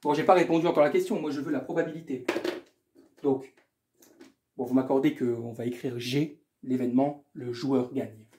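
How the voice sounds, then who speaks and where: A man's voice: mid-range voice, fairly even intonation, normal speed, darkish tone, roomy sound, slight background noise. A man tutoring math, working through an exam problem aloud in a casual way, repeating himself and adding small asides. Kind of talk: explaining a math exam correction.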